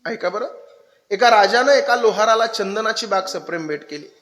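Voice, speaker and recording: A man preaching a devotional kirtan sermon, swinging from loud cries to hushed speech. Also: sits high, animated, moderate pace. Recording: echoey hall with loud crowd noise.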